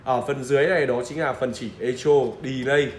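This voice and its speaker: A man with a Northern Vietnamese accent giving an insistent, repetitive hard-sell pitch as a shop seller showing off a product. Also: fairly even intonation, fairly quick. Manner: insistent, repetitive, urging buyers. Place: indoor shop room with audio gear. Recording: roomy echo with faint background noise.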